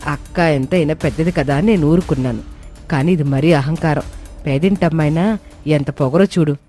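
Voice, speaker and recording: A woman's voice: low-pitched, normal speed, mellow, soft background music, close to an everyday voice. A woman voicing a sly, gossiping middle-aged relative who talks in a taunting way.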